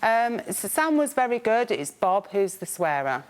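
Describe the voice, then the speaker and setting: A woman's voice: on the high side, big pitch swings, unhurried, slight background noise. A woman answering questions informally and plainly as a litigant on a television court show.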